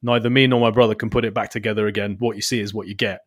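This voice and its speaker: Man, lowish voice, reflective storyteller, dry sound. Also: little pitch movement, very fast, no echo. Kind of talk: casual chat about collectible toys.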